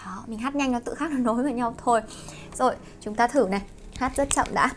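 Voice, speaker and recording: A young Vietnamese woman teaching English through songs, explaining quickly and slowing down to sing lines. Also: on the high side, a little hiss or hum. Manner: quick explanations broken by slow sung lines. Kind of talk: song-based English pronunciation lesson.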